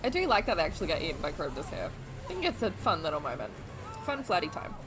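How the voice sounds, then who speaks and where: Lively young Australian woman reacting to a film. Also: low voice, fast talker, rough recording. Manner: animated, chatty, laughs often, exclaims at the screen. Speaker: YouTube vlogger. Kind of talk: movie reaction commentary. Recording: film audio and music behind.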